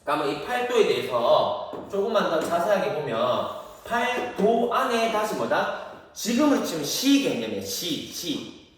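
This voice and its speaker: A man with a slightly high voice teaches a history class, asking his students questions and then answering them. His delivery swings up and down with energy. He sounds distant from the mic, and his voice rings through a strongly echoing room. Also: big pitch swings, moderate pace.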